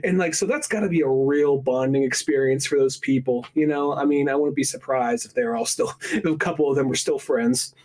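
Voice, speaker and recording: A man's voice: mid-range voice, a little fast, few pauses. A man co-hosting a podcast in casual, rambling chat. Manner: rambling, animated, acts out quotes in funny voices. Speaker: podcast co-host.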